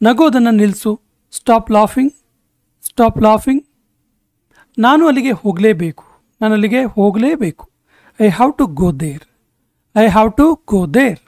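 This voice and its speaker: Male language teacher, very slow deliberate delivery, dry close sound. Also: sits high, darkish tone, no echo. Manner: says each sentence twice, slowly and deliberately. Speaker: English teacher. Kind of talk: spoken language lesson.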